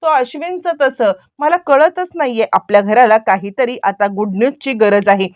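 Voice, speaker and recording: A woman's voice: fairly high pitch, moderate pace, no echo, lightly acted. A woman reading the lines of a protective, determined husband in her serial retelling. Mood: earnest.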